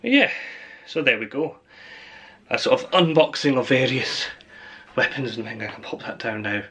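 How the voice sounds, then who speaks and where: A man's voice: mid-range voice, animated, moderate pace, a bit bright. A man hosting a casual unboxing vlog, rambling and chatty, often laughing at himself. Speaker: channel host.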